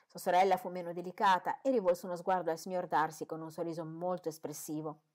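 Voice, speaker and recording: A woman reading a classic novel aloud as an audiobook, with steady, measured narration. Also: fairly low pitch.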